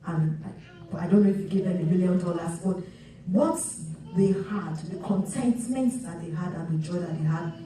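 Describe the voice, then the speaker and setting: A woman's voice: fairly low pitch, moderate pace, mellow, slight background noise. A woman from Nigeria preaching a sermon in a chatty storytelling way, with many restarts and asides. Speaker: pastor. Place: church sanctuary. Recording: echoey church hall picked up from far off.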